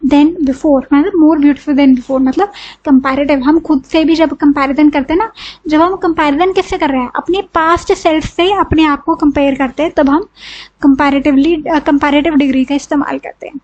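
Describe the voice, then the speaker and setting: A woman's voice: high-pitched, fairly even intonation, moderate pace, darkish tone, dull audio. A woman with an Indian accent teaching a grammar lesson, asking questions and answering them herself step by step. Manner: explains step by step, asks and answers her own questions, says "ठीक है" often.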